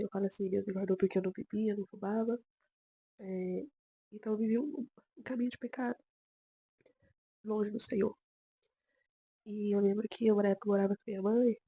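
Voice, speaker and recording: A woman's voice: mid-range voice, creaky, slightly rough. A young Brazilian woman telling her personal faith testimony, her voice rising with emotion as she tells the story. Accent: Brazilian Portuguese. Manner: emotional storytelling, voice rising and getting loud when moved. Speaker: churchgoer giving testimony.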